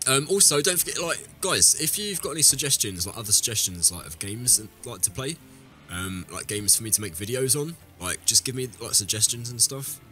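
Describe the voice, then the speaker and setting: With a medium-pitched, animated and sharp voice, a man talks fairly quickly through casual gameplay commentary. He's audibly ill, deeper-voiced than usual, rambling to his viewers and self-correcting over soft music.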